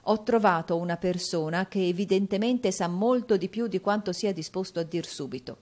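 Storybook: excitable middle-aged male clerk, cryptic and outraged, put on by a woman narrator. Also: medium pitch, normal speed, lightly acted. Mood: secretive. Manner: loud and urgent.

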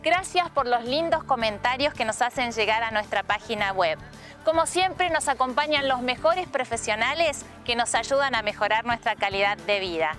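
A woman's voice: on the high side, lively intonation, moderate pace, soft background music. A woman hosting a lifestyle show, delivering a scripted, welcoming introduction on an outdoor seaside promenade. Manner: bright, welcoming presenter tone. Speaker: show host.

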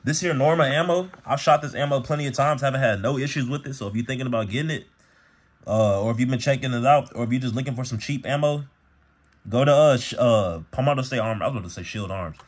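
A man's voice: medium pitch, fast talker, husky. A man talking casually to camera as a gear vlogger, with a laid-back, slangy delivery full of "bro" and "y'all". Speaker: gun channel vlogger.

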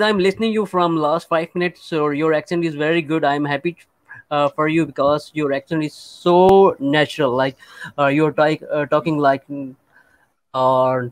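Casting: man, slightly higher voice, dry close sound, hesitant, filler-heavy, video-call mic. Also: dry recording. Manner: hesitant, many uh fillers, non-native grammar. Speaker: student participant. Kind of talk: casual online class chat.

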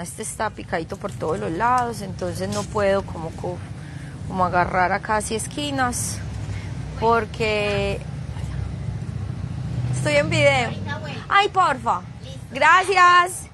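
A woman's voice: medium pitch, bright, forceful tone, a little hiss or hum. A woman leading a live craft tutorial, chatty and teasing, dropping playful sound effects as she works. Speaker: craft instructor streaming live.

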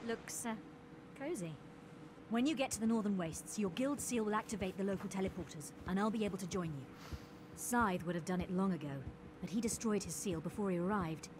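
A woman's voice: medium pitch, fairly quick, close to an everyday voice. An actress playing a breezy young woman guild ally in a video game, with a light, wry, teasing manner. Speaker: game character guiding the hero. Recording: game audio with noise behind.

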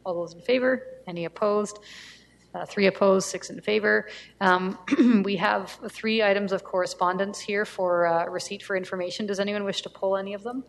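A woman chairing a council meeting, running motions and votes in a brisk procedural way with some fillers. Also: medium pitch, steady tone, creaky. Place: council chamber. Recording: long reverb, faint room noise, council chamber.

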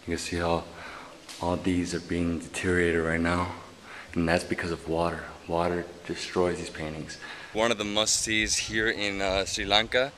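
A man's voice: sits low, level tone, moderate pace, noisy background. A young man hosting a travel vlog, explaining sights enthusiastically while walking outdoors and through caves. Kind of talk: casual travel vlog narration. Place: outdoors at a temple site and inside caves.

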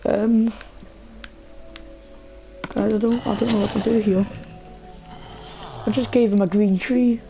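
A woman's voice: a little high, fairly even intonation, slow pace, creaky, pauses often, warm tone. A young woman giving casual, chatty gameplay commentary, talking nervously to her viewers and to a character in the game. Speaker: gaming video host. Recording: dull lo-fi mic with faint game music.

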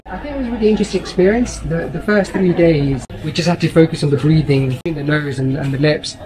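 A man's voice: fairly high pitch, quick pace, a crowd in the background, poor audio. A man, hosting a vlog and talking eagerly with fillers. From London. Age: 30s. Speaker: vlog host. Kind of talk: casual vlog talk.

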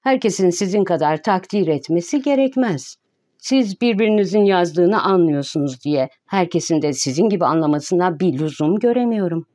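A woman's voice: lowish voice, animated, moderate pace, dark tone, close to an everyday voice. A woman reading the lines of a young male poet in a mocking, condescending tone in an audiobook. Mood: scornful.

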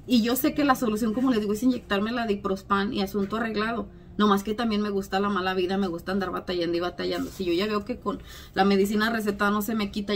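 A woman vlogger, chatting at home late at night, a little hoarse, self-mocking and full of fillers. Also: mid-range voice, slight background noise. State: slightly hoarse. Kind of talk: casual chat to camera.

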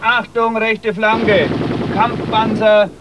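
Army radio call, clipped, high flat voice, crackly field radio, wind and vehicles roaring behind. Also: male voice, slow, highs cut off. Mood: urgent. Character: male army radio operator, urgent and clipped. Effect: over a field radio. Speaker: soldier reporting by radio. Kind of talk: 1980s military training film acting. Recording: radio voice over loud battle noise.

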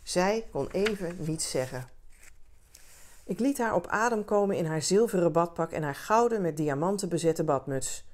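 Een vrouw die een verhaal voor volwassenen rustig en zacht voorleest als bedverhaal. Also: female voice, lowish voice, animated. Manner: gentle, unhurried storytelling. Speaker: reader of stories for adults. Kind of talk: calm bedtime reading.

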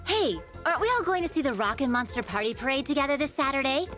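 A woman's voice: high voice, lively intonation, fast talker, a bit bright. A woman voicing a confident, persuasive teenage best friend in a cartoon, assertive and teasing. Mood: scheming, upbeat. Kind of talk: animated cartoon dub acting. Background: background music.

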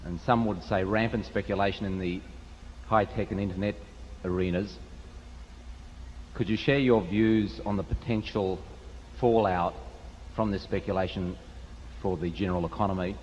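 A man's voice: low-pitched, steady tone, normal speed, pauses often, darkish tone, a little hiss or hum. A man in the audience asking a polite, formal question with a light joke. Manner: polite, formal, a little joking. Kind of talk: prepared question from the floor. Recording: dull hall recording with faint ambience.

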